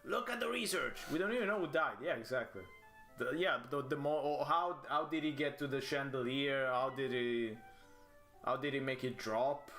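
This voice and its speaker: A man's voice: medium pitch, normal speed, a bit bright, soft background music. A man giving casual let's play commentary, rambling through amused asides and repeating bits of what he hears. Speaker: game streamer.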